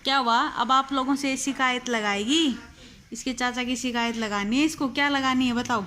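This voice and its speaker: A woman's voice: sits high, fairly even intonation, moderate pace, bright, forceful tone, a little hiss or hum. A woman vlogging about her day at home, talking chattily to her viewers and coaxing her small child. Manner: chatty, addresses viewers directly; coaxing, playful when talking to her toddler. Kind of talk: casual daily home vlog narration. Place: family home.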